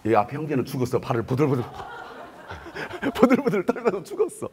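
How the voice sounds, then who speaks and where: A male pastor preaching a revival sermon at a university chapel, animated and playful with the crowd, often breaking into shouts. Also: on the high side, fairly quick, a little hiss or hum.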